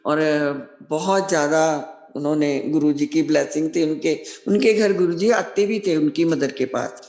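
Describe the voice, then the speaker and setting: A woman's voice: low-pitched, moderate pace, mellow. A middle-aged woman sharing a devotional testimony, earnest and devout, often repeating blessings. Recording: roomy echo.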